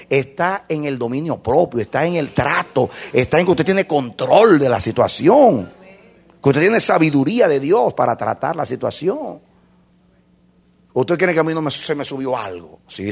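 A male pastor preaching a sermon, telling a story with acted-out dialogue, laughing often, and moving between hushed asides and loud exclamations. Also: fairly high pitch, vocal fry, slightly rough.

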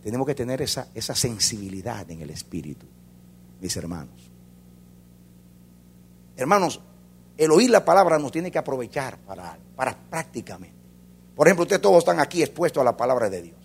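A man preaching a sermon as a pastor, swinging between loud fervor and hushed intensity. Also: mid-range voice, sing-song, brisk, vocal fry, pauses often, breathy edge.

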